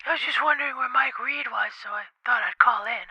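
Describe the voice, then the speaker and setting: Comic phone bit: a man doing a high, gravelly, whiny male caller with a bright, pinched tone over a muffled phone line. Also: very fast, no echo, heavily acted. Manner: hesitant, whiny.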